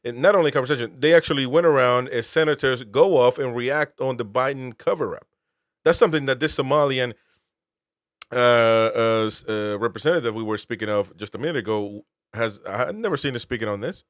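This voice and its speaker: Peruvian-born guy ranting on his show, keeps asking are you serious, dry mic, mid pitch. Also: fairly quick, dry recording. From Peru. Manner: emphatic, incredulous rhetorical questions. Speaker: show host, military veteran. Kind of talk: political commentary.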